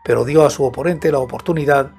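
A man in his seventies narrating a horror tale in a slow, deliberate, measured storytelling manner, close on a studio microphone. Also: mid-range voice. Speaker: audiobook narrator and host of a horror story show. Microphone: close studio microphone with headset monitoring. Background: background music.

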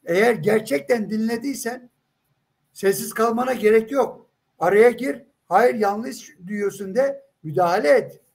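A man's voice: very high-pitched, moderate pace, gravelly, darkish tone. A man in a heated live religious debate, insistent and emphatic, pressing with rhetorical questions.

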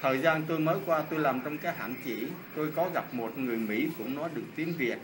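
A middle-aged man from Vietnam interviewing casually and politely, often repeating answers back. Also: on the high side. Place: indoor swimming pool hall. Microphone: phone at arm's length. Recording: noisy indoor pool, phone recording.

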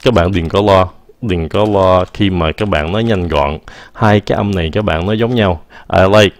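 A man's voice: deep voice, dry recording. Man, patient English teacher, dry close sound. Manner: patient, repeats English example phrases slowly. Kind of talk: casual explanatory lesson.

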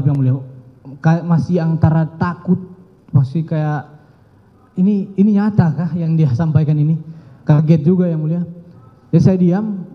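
Guy testifying in court, halting and deferential, kinda high voice, echoey dull recording. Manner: halting and deferential, often addressing the judge with an honorific.

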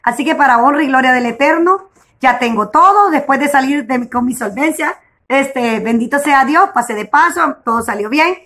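Woman, Honduran accent, high voice, young adult, casual storytelling, chatty vlogger. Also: normal speed, a bit bright. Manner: chatty, retells conversations with frequent religious exclamations. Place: outdoors in a breeze.

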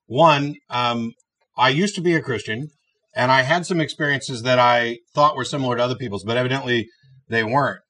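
A man's voice: mid-range voice, fairly quick, sharp tone, rough recording. A man in his thirties hosting a call-in show, debating a caller in a probing, challenging way and often cutting in. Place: small TV studio, indoors.

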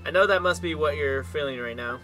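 A man's voice: fairly high pitch, brisk, pushed and bright. A man reading the lines of a kind, patient teenage girl comforting a friend, in his own voice. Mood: soothing. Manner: plain reading of dialogue off the screen. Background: game music.

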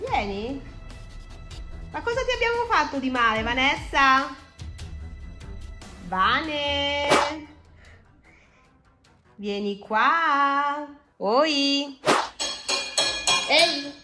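A woman's voice: high voice, animated, very slow, long pauses. A woman hosting a family vlog who talks to her children, coaxing and affectionate but firm when she scolds. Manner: firm, scolding parental tone at times. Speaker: mother and vlog host. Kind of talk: casual family vlog talk. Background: background music.

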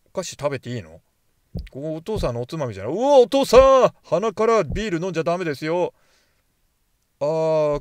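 A man's voice: mid-range voice, no room sound. A man giving casual, jokey commentary while playing a horror game, chatting to himself as he goes. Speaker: game streamer.

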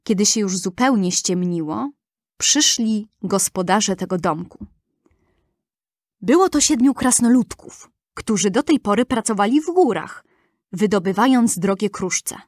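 A woman narrating a fairy tale for children in a gentle, measured, expressive reading. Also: mid-range voice, no room sound, clean studio sound. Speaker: storyteller.

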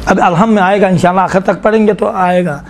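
A man teaching a tajweed lesson to a class, explaining slowly, drawing out sounds and asking his students questions. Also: high-pitched, fairly even intonation. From Pakistan. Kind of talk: classroom Quran recitation lesson.

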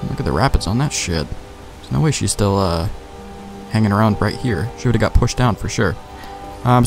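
A man with a fairly low, gravelly voice hosts a let's play, giving casual, sweary commentary as a gamer and thinking aloud in a laid-back way.

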